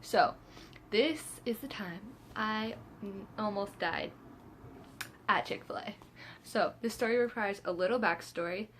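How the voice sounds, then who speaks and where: A young woman rattles off a storytime in a chatty, self-mocking way, laughing as she goes and slipping into quick impressions of her friends. Her voice sits at an ordinary mid pitch. A faint hiss of noise runs under the recording. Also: a bit bright. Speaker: vlogger. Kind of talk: casual storytime.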